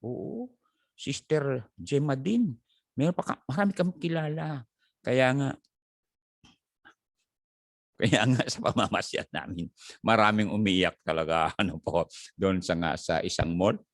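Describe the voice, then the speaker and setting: A male pastor with a Filipino accent preaching a lively sermon, joking and speaking directly to viewers by name. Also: a little slow, pauses often, no echo, studio quality. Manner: animated, jumps high in pitch to stress points; jokes and talks straight to viewers by name.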